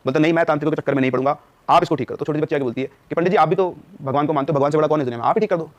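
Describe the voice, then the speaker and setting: A man's voice: fairly high pitch, very fast, highs cut off. A young man telling a ghost story as a podcast guest, acting out the quoted dialogue in changing voices. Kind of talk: animated storytelling.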